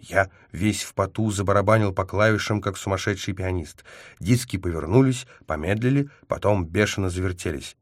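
A man's voice: deep voice, moderate pace, no room sound, clean studio sound. A man narrating a science-fiction novel in the first person, wry and self-mocking. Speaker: audiobook narrator.

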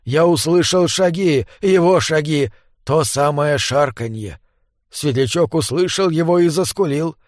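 A man voicing a tense man who speaks in hushed, urgent whispers in a read-aloud story. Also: on the high side, measured pace, no echo, studio quality, lightly acted. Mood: hushed urgency. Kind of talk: audiobook character voice.

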